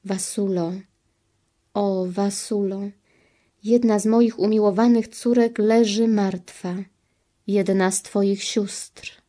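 A woman reading the part of Jesus as a grieving, pleading divine man, solemn and measured. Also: mid-range voice, fairly even intonation, warm tone, close to an everyday voice. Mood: tender. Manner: solemn, sorrowful, slow and measured. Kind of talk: devotional reading.

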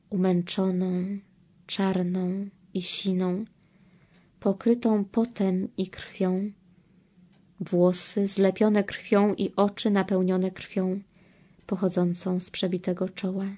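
A woman giving a devotional reading in a slow, hushed, reverent manner. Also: medium pitch. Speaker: reader.

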